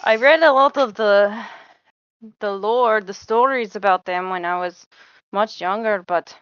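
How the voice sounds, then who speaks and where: A woman's voice: medium pitch, a little slow, fairly bright tone, clear, resonant tone, dry recording, dull audio. A woman playing a tabletop game, speaking in character in an earnest, polite way. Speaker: player. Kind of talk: in-character tabletop role-play.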